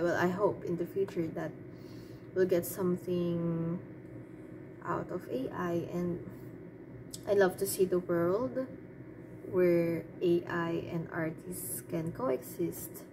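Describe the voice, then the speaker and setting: Slow, creaky-voiced woman rambling over background noise. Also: on the low side. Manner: hesitant, rambling, thinking aloud. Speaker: artist giving opinions. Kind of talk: casual off-the-cuff opinion monologue. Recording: clearly noisy background.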